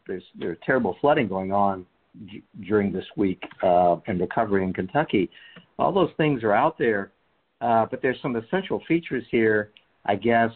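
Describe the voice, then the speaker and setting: A man in a group discussion, musing aloud in a rambling, halting way. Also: medium pitch, breathy edge. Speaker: discussion participant. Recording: tinny phone or call line.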